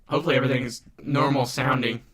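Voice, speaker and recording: Bright-voiced man hosting a live stream. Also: mid-range voice, fairly even intonation, fast talker. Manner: greets viewers by name, rambling and loose. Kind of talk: casual live stream chat. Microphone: USB desk microphone.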